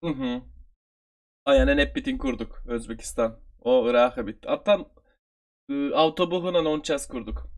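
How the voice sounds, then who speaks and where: A man with a Turkish accent, from Turkey, teaching an online review lesson and repeating phrases slowly for his learners. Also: medium pitch, big pitch swings, vocal fry.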